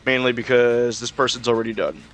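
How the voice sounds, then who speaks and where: A man's voice: mid-range voice, fairly even intonation, fairly quick, a bit bright. A young man casually commenting on his own gameplay, swearing and talking to himself as he plays. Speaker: gaming YouTuber.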